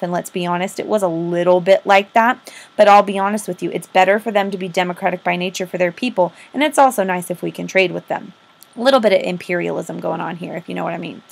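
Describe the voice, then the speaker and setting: A woman's voice: lowish voice, gravelly. An American woman teaching a recorded lesson, dictating notes with repeated key terms and an informal, emphatic manner, often answering her own questions. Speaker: history teacher. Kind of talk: recorded lesson lecture to students.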